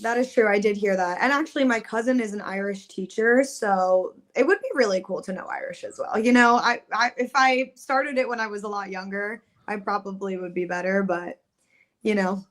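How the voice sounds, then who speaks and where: Guesting on a podcast, this young singer keeps the interview chat breezy and cheerful, sprinkling in plenty of "like"s and "um"s. She speaks at normal speed with a medium pitch.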